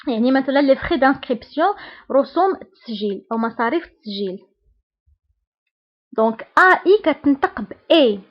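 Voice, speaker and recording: A woman with a Moroccan Arabic accent teaching a beginner French lesson, patient and repeating each sound slowly. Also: sits high, lively intonation, muffled recording.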